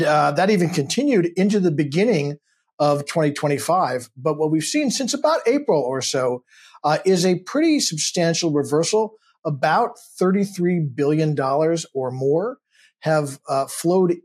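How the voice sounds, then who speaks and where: A man who is a guest expert in a studio, explaining investment flows in a steady, measured way with frequent fillers. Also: a little high, breathy edge. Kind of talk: explanatory interview answers.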